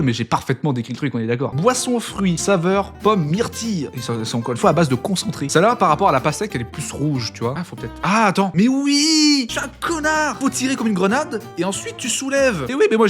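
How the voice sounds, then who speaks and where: A young man tasting foods in a casual vlog, jokey and excitable, with sudden loud outbursts. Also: a little high, quick pace, soft background music.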